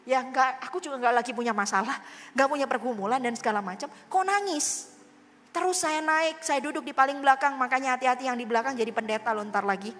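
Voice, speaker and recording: A woman's voice: high voice, fast, a bit bright, long reverb tail. A woman pastor preaching a sermon, telling a personal story with feeling and often speaking straight to the congregation. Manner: emotional storytelling, addressing the congregation directly.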